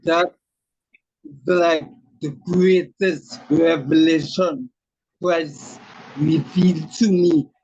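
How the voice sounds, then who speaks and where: A man with a tremor in his voice tells his story with slow, deliberate care. His tone sits a little high and raspy. The sound comes through a dull, lo-fi video call. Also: fairly even intonation, darkish tone, dry recording. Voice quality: voice shakes from throat muscle tremor. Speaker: author guest. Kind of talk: personal testimony in an interview. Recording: muffled lo-fi call audio.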